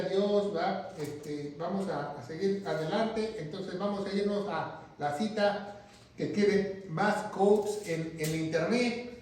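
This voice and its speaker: Recorded from a distance in an echoey room, this male pastor leads a Bible class in a high, slightly mellow voice. He keeps asking his listeners questions, then supplies the answers on his own.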